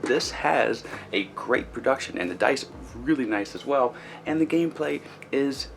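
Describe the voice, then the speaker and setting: A man's voice: mid-range voice, animated, normal speed, vocal fry, noisy background. A man hosting his own channel, giving a chatty, rambling board game review and walking through the rules step by step. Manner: loose, rambling, with fillers and restarts. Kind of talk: casual video review.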